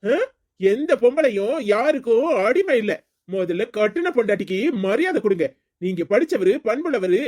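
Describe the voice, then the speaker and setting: A performer voicing a principled, indignant young brother-in-law in a cartoon story, lecturing firmly. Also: medium pitch. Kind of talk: cartoon voice acting.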